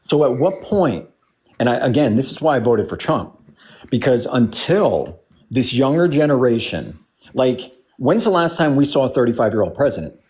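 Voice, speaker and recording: A man's voice: mid-range voice, very animated, normal speed, darkish tone. A man in his forties arguing his point in a heated political discussion, blunt and emphatic, repeating himself and swearing. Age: 40s. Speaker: debate participant.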